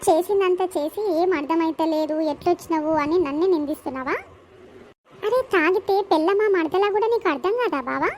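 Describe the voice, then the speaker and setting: A woman with a Telangana accent playing a wronged young village woman in a comedy skit, pressing her questions in a high, insistent voice. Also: a little fast, a little hiss or hum. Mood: upset. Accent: Telangana Telugu.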